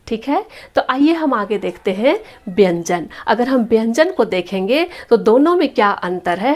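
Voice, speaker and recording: A woman teacher giving a grammar lesson to young children, patiently repeating each sound and saying it slowly. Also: mid-range voice. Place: classroom or home study with a board.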